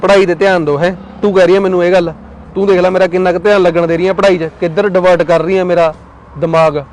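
A man's voice: high-pitched, level tone, quick pace, darkish tone, slight background noise, lightly acted. A young man playing a stressed student who argues irritably. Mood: irritated. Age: young adult. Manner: irritated, argumentative.

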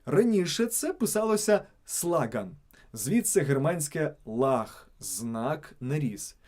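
Lively, mellow-voiced male narrator. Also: a little high, takes it slowly. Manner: emphatic, word-by-word reading of examples. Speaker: channel narrator. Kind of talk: scripted narration.

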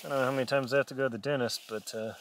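Inside a small tent, a middle-aged solo winter camping vlogger films himself handling gear while giving casual, folksy instructions. His mid-range voice is steady and rapid-fire, over a noisy background.

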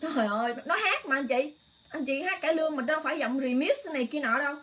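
A woman's voice: sits high, quick pace, fairly bright tone. A woman hosting an emotional political livestream, exclaiming often and speaking straight to her viewers in a heated, impassioned way. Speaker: online livestream host.

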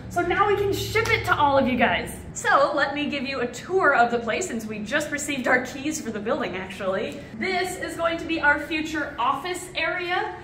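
A young woman hosting a casual vlog tour in an animated, excited way, speaking in an echoey empty building. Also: high voice, normal speed, few pauses. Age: young adult. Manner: animated, excited, projecting on camera. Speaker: host giving a building tour. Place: large empty indoor warehouse and bare rooms. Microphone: camera mic at a short distance. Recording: echoey empty warehouse and rooms, noise.

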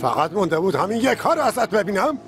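A stern boxing coach. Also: male voice, high-pitched. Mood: scolding. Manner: scolding, then calming. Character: older boxing coach, stern but caring. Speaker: dubbing actor. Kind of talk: dubbed TV drama. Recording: TV drama dub with faint music.

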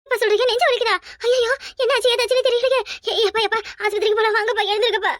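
A woman's voice: very high-pitched, fast talker, a bit bright, dry recording, clean studio sound. A woman voicing a devoted young daughter in a cartoon, pleading frantically over her sick father. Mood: frantic pleading. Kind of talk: cartoon voice acting.

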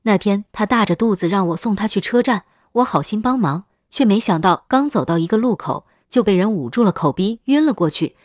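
A woman's voice: mid-range voice, lively intonation, a little fast, hardly any pauses, darkish tone, no echo, clean studio sound, close to an everyday voice. A woman voicing a bitter young woman who coldly accuses the narrator. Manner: cold, accusing.

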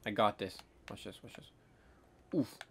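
Hoarse, very low-voiced playful woman gamer. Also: measured pace, noisy background. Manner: playful, yelps and squeals. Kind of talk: casual co-op gameplay chat.

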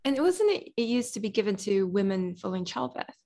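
Woman interviewer asking stuff quick, fry in her voice. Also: mid-range voice, big pitch swings, warm tone. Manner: curious, asks questions after reading up. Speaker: interview host. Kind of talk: interview questions.

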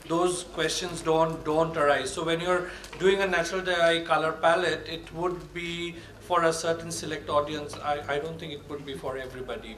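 A man speaking as a panelist on stage into a handheld mic, explaining his views in a measured way. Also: a little high, a bit bright. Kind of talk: panel discussion answer. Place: stage of a large auditorium. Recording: echoey hall, faint background noise.

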